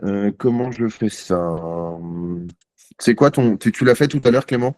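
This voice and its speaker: A man's voice: medium pitch, animated, unhurried, a little mellow, no echo. Guy on a video call, fumbling and apologizing, dry close sound. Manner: hesitant, fumbling with screen sharing, self-deprecating. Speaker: guest journalist. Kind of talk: live video call, casual talk.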